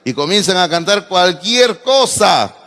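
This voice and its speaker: A Peruvian man preaching a sermon with a Peruvian accent. He speaks emphatically, swinging from loud exclamations to low asides. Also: sing-song, a little slow. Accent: Peruvian Spanish. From Peru. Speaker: pastor. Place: church sanctuary. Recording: long hall reverb of a church.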